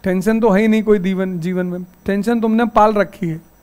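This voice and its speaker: A male teacher, lecturing a class in a lively storytelling manner and turning stern about the class rules. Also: sits high, normal speed, smooth.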